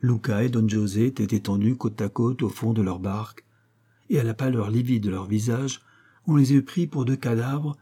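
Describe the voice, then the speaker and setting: A man narrating a literary story in a measured, expressive reading style. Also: medium pitch, husky. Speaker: audiobook reader.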